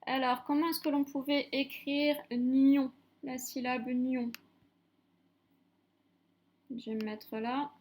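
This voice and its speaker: Slow, clear-voiced woman teacher. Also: sits high, fairly even intonation, darkish tone. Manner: slow, clear dictation, repeating each syllable. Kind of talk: phonics lesson for young children.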